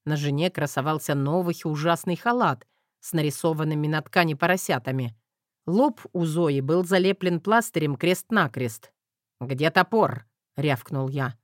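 A man's voice: a little high, moderate pace, no echo, studio quality. Wry male audiobook narrator. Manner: wry, self-mocking. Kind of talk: first-person audiobook narration.

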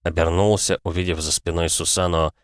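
A man narrating fiction for an audiobook in a measured, dramatic way, on a close mic. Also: deep voice, flat delivery, dry recording.

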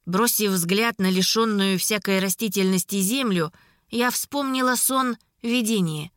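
A woman reading first-person scripted narration for an audiobook in a wry, measured storytelling manner. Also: medium pitch, fairly bright tone, no room sound, studio quality.

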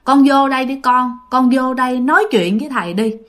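A woman quoting a kindly older male spirit master, speaking in a gentle, coaxing way. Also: sits high, fairly quick.

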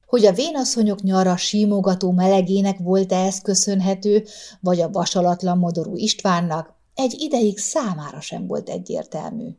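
A woman narrating a short story in a calm, measured audiobook reading. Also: medium pitch.

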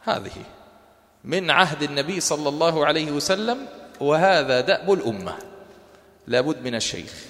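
A man's voice: on the high side, lively intonation, moderate pace, long pauses, fairly bright tone. A male teacher with a Levantine Arabic accent gives a colloquial religious lecture, putting questions to his class and answering them himself. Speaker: Quran course teacher. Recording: reverberant hall.

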